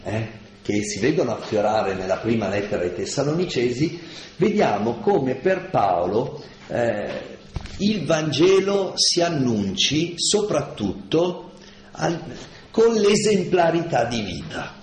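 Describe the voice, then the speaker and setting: A man giving a slow, deliberate lecture on scripture, stressing key words and asking rhetorical questions. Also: medium pitch, big pitch swings. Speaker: lecturer on Paul's letters. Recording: echoey room with faint ambience.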